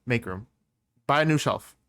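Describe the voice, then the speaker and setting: A man's voice: mid-range voice, animated, moderate pace, creaky, a bit bright, dry recording, studio quality. A man co-hosting a podcast in playful casual chat, laughing often. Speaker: podcast co-host.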